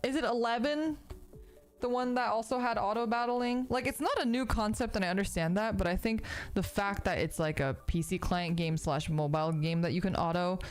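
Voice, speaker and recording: Faint music plays behind a crafting streamer in her thirties who talks at medium pitch and a little fast. Congested and sniffly, she rambles casually, swearing often and leaning heavily on fillers.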